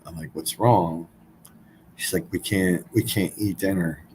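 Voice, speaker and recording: A man's voice: low voice, steady tone, measured pace, a little mellow, a little hiss or hum, poor audio. A man in his forties, a podcast guest, telling a personal story in a blunt, casual way, swearing freely.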